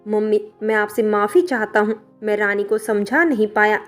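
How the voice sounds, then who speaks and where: A woman's voice: mid-range voice, moderate pace, faint music behind, close to an everyday voice. Sad young husband begging, voice choked up, woman doing him. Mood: pleading. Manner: pleading, choked up.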